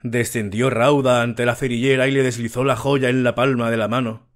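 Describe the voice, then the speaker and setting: A man reading a fairy tale as an audiobook narrator, slow and measured. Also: medium pitch, level tone.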